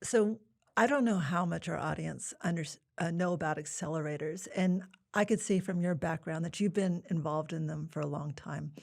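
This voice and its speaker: Woman podcast host, lowish voice, gravelly, conversational. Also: normal speed. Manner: curious, conversational questioning. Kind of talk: podcast interview.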